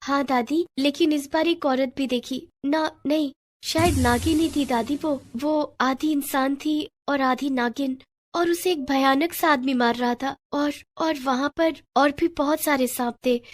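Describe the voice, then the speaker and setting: A woman voicing a frightened teenage girl in a storybook tale, speaking high and pleading. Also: steady tone, unhurried. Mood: anxious.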